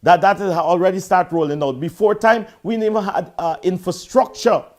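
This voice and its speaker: A Guyanese man hosting a call-in show firmly corrects a caller during a heated debate, repeatedly addressing him as "sir." His voice is high and a little mellow, at a moderate pace.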